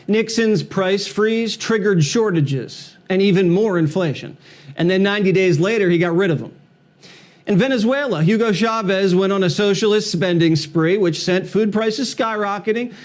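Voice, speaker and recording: A man's voice: high voice, normal speed. A man delivering a scripted satirical political monologue in a sarcastic, mocking and punchy manner. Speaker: television political commentator.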